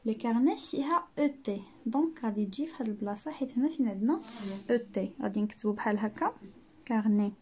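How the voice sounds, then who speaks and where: A woman teacher with a Moroccan Arabic accent, explaining exercises patiently, repeating words and sounding out French syllables slowly. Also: fairly high pitch, warm tone, a little hiss or hum. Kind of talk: classroom-style lesson narration.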